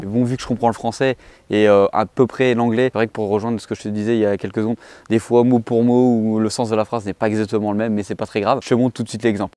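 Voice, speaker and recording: A man's voice: mid-range voice, darkish tone, clean tone, no room sound. A man giving a casual, chatty tech product review and speaking straight to the viewer. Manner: chatty, addresses the viewer directly.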